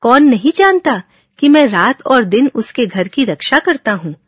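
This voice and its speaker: A woman's voice: on the high side, big pitch swings, unhurried, husky, no room sound, exaggerated voice. A grumbling watchdog, read by a woman. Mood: resentful. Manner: complaining, resentful. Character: aggrieved male watchdog, bitter at his master. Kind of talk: reading a storybook fable aloud.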